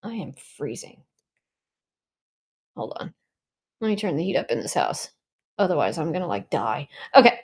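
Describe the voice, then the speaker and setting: A woman's voice: low voice, big pitch swings, a little fast, slightly rough. A woman at home casually walking viewers through a design tool on a shared screen, chatty and full of ums and likes. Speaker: design tutorial presenter.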